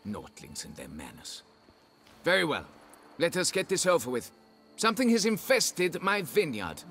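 A man's voice: high voice, very animated, normal speed, fairly bright tone, faint music behind, heavily acted. An actor playing a haughty, condescending nobleman who hires a witcher and insists on being addressed by his title. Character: pompous snobbish middle-aged male nobleman, vineyard owner. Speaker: client hiring a witcher.

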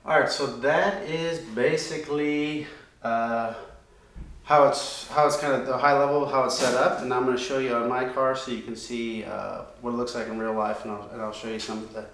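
The room is very echoey and the voice a bit off-mic, recorded from a distance: a man in his thirties at a workshop chalkboard, casually explaining how his race car's oiling system works. He speaks in a mid-range, fairly bright voice, steady and at normal speed, loose and conversational with frequent ums and restarts.

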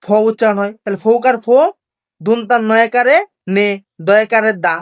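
A woman's voice: fairly high pitch, steady tone, normal speed. A woman language teacher giving a step-by-step lesson, patiently asking questions and then repeating each answer herself.

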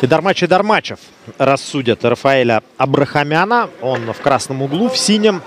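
A man's voice: mid-range voice, expressive, normal speed, a little hiss or hum. A man giving live sports commentary on a fight. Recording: arena crowd and music behind. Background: crowd and music.

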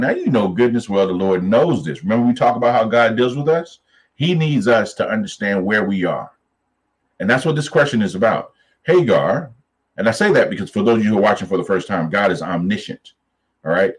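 A man's voice: lowish voice, low-quality recording. A man teaching a Bible study to viewers, emphatic and preacherly, with folksy asides to his audience.

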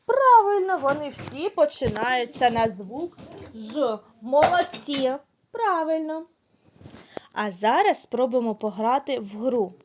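Woman, kindergarten teacher, slightly high pitch, unhurried, clear sing-song delivery for small children. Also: animated, background noise. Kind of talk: phonics lesson for small children.

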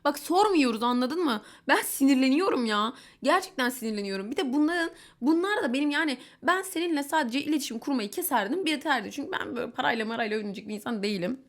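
A young adult woman vlogger tells a casual story, talking fast in a high voice with lively intonation. She's chatty and candid, tossing in exasperated asides and mimicking other people's voices when she quotes them.

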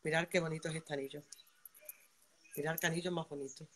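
Chatty bright-voiced woman selling live. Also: low voice, steady tone, fast talker. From Spain. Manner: chatty, keeps asking "vale", greets viewers by name. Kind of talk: live-stream sales pitch.

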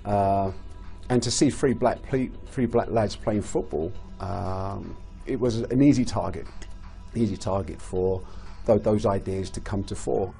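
A man's voice: fairly low pitch, a little slow, creaky, warm tone, faint music behind. A man, a former footballer, speaking frankly with frequent hesitations in a documentary interview.

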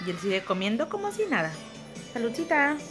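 A woman's voice: on the high side, sing-song, fairly quick, over music. A young woman, chatting casually to her viewers in a home kitchen vlog. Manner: chatty, talks to viewers as friends. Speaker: vlogger.

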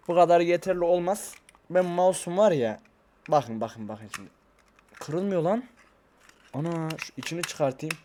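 A man talking casually to his viewers in a vlog, rambling and excitable, into a desk microphone. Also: high voice. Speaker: YouTuber. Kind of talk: casual vlog talk to camera.

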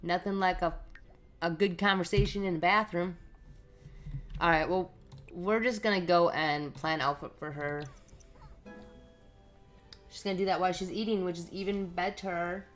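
A woman's voice: fairly low pitch, fairly even intonation, normal speed, long pauses, soft background music. A woman giving casual running commentary while playing a life-simulation game, chatting to the characters on screen. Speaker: let's play host.

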